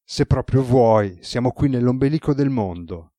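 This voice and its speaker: A man voicing a weary, ironic male god with a relaxed, teasing manner, as read in an audiobook. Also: mid-range voice, moderate pace, no room sound, lightly acted. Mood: amused.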